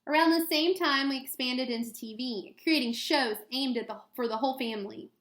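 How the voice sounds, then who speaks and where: An elementary school teacher with a fairly high voice reads a children's picture book aloud, pausing for asides to her students. She speaks a little fast and expressively for young listeners. The room gives her words a clear echo.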